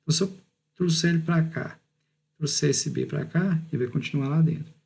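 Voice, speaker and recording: Man teaching geometry, mellow voice. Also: a little high, creaky. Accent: Brazilian Portuguese. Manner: explains step by step, stretching key words slowly; checks in with "beleza?", "tá bom?", "ó". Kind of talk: recorded math lesson over slides.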